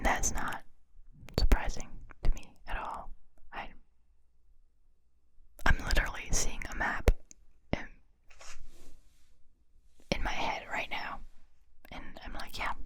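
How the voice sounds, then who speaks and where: A woman in her thirties from Europe, a non-native English speaker, whispers chatty, rambling ASMR very close to studio microphones in a breathy, unvoiced voice. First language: not English. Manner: chatty, rambling, self-interrupting. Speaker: ASMR host. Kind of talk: whispered ASMR, reading and commenting on facts. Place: small indoor room set up as a studio. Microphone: pair of close studio condenser microphones.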